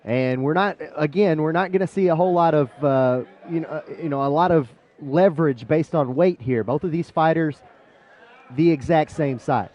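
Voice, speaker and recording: High pitched guy doing play by play at a live fight, kinda lo-fi sound, bit of music. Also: normal speed, a little mellow. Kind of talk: live MMA sports commentary.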